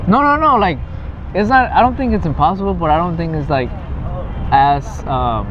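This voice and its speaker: A young man co-hosting a podcast, chatting casually and haltingly in sweary slang. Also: on the high side, expressive. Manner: halting, rambling, profane, slangy. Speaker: podcast co-host. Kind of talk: casual chat. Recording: muffled, clearly noisy outdoor traffic background.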